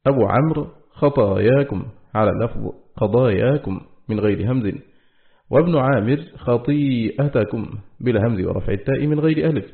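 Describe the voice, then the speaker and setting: A man reading a classical text aloud as an audiobook narrator, in a steady, formal recitation. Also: medium pitch, gravelly. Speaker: audiobook reader. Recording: tinny, phone-like lo-fi recording.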